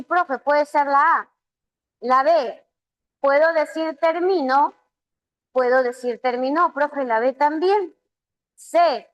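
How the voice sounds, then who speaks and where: Slow, high-voiced Peruvian teacher woman. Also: rough recording. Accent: Peruvian Spanish. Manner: patient, asks students questions and voices their replies. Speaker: language teacher. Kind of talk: online class explaining exam answers.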